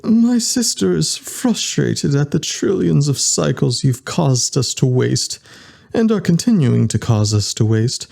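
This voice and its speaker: A man voicing a polite, precise male robot in a formal, measured way. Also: mid-range voice, creaky, warm tone. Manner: formal, measured, strange electronic tone.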